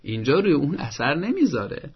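A man's voice: on the high side, very animated, breathy edge, lo-fi sound. A man giving parenting advice on a broadcast program, speaking in a firm, didactic way and explaining things step by step. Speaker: parenting advisor.

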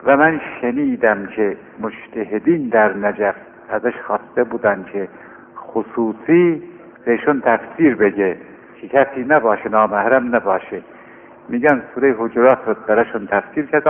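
Earnest preaching man, tinny hall recording. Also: medium pitch. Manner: earnest, pleading and conversational, slowing to recite scripture. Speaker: cleric preaching to young seminary students. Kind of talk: informal sermon. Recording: tinny lo-fi recording with long hall reverb and faint hum.

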